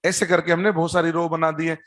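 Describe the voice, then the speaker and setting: A man gives a chemistry lesson in a fairly high voice. He builds each point slowly, repeats key words and fires quick questions at his students. Now and then he drops a teasing joke. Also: flat delivery, fairly bright tone. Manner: explains step by step, repeats key terms, quizzes students; teasing, joking asides. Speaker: chemistry teacher. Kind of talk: classroom-style lecture at a board.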